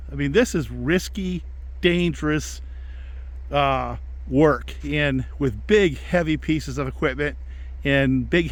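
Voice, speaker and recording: Male logger vlogger, plain-spoken and folksy, voice a touch higher than average, casual outdoor delivery. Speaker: logger presenting a video about his work. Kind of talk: casual vlog talk. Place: outdoors in winter woods.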